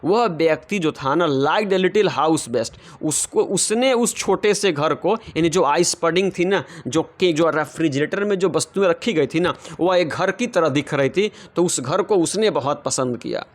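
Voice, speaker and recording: Slow, high-voiced male teacher. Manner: translates line by line, addresses children. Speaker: English teacher. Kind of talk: explaining an English story in Hindi.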